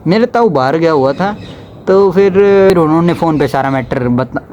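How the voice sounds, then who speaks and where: A young man tells a casual storytime in a high-pitched voice that thickens when he quotes relatives and teachers. His delivery is chatty and loose. A faint hum of background noise sits under the recording. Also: animated, normal speed, a little mellow, dull audio. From Haryana, India. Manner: chatty, slips into dialect when quoting others.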